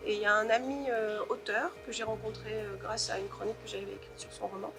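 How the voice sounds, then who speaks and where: A woman novelist answering interview questions in a thoughtful way, pausing often to search for her words. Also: medium pitch, flat delivery, creaky, over music.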